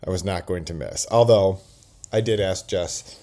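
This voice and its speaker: This podcast host has a low, mellow voice and speaks at a moderate pace. He rambles and jokes in casual chat, recorded on a laptop's built-in microphone in a quiet indoor spot while traveling.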